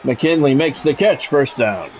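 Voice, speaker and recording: Commentating live on a football video game, this man speaks in short announcer bursts and frank side remarks, his mid-range voice expressive, unhurried, and a little mellow. Some chatter sits behind him, captured on a dull, lo-fi microphone with faint background noise.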